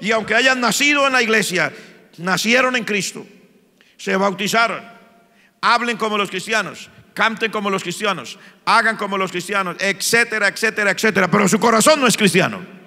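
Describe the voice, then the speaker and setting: A man from Colombia preaching, his voice high-pitched and very bright with a sharp edge. He swings from quiet asides to fervent shouts. The sound rings with the long reverb of a church hall. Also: normal speed. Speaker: pastor. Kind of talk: sermon. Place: church sanctuary.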